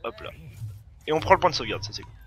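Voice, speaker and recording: A man's voice: a little high, animated, racing, fairly bright tone. A man giving casual let's play commentary, chatty and thinking aloud, laughing often. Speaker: gameplay commentator.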